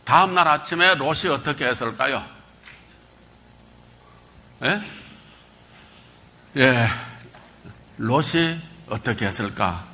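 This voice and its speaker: A male pastor giving a Bible lecture, quizzing his congregation and calling for answers, swinging between loud bursts and quiet asides. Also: mid-range voice, animated, slow pace, long pauses. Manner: quizzes the congregation, call and response.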